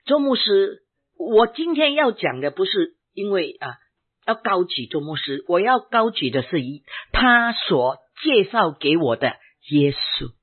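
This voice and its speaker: A woman's voice: medium pitch, husky. A woman, a former pastor, giving an emotional church testimony, asking herself questions and answering them. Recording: tinny phone-like sound.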